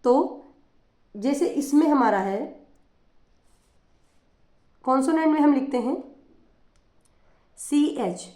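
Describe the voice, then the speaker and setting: A woman's voice: sits high, slow, pauses often, mellow, reverberant. A woman teacher explaining phonics in a patient lesson, repeating examples as she goes.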